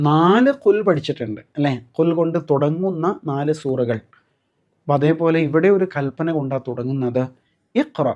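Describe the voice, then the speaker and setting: A man's voice: a little high, darkish tone, highs cut off. Male Quran teacher, questioning style. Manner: explains step by step, asks rhetorical questions; recites Quranic verses slowly. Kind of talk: recorded Arabic and Quran class.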